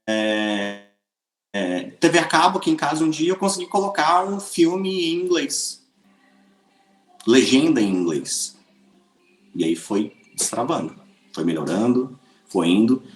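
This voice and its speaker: A man with a Brazilian Portuguese accent, an interview guest telling stories casually with lively hesitations. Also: mid-range voice, takes it slowly, pauses often, faint music behind. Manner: chatty, lively, with frequent hesitations. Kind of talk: casual storytelling. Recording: roomy echoey room.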